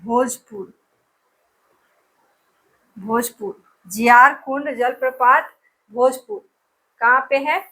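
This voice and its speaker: High, bright-voiced woman teaching slowly. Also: slightly rough. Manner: repetitive, drills names over and over with "ठीक है". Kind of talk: exam-prep lesson with memory tricks.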